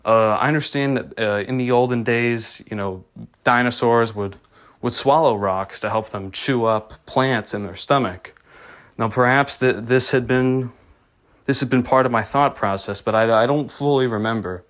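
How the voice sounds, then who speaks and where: A man's voice: mid-range voice, normal speed, fairly bright tone. A young man with a nasal voice, casually telling self-mocking stories from his childhood, with plenty of restarts and fillers. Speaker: vlogger. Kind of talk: casual storytelling rant.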